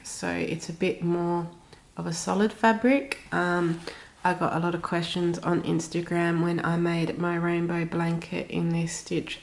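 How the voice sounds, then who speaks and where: Gravelly and lowish, this woman's voice carries a snuffle and a slightly blocked nose from the cold she has. She hosts a crochet tutorial, talking casually through each step of the craft.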